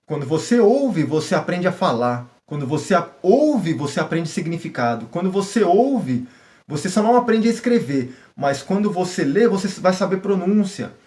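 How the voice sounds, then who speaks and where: A man's voice: high voice, big pitch swings, moderate pace, a little mellow. A middle-aged Brazilian man with a Brazilian Portuguese accent who talks casually in a language-learning vlog, slipping English words into his examples and acting out small scenes. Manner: chatty, switches into English for examples, acts out little scenes.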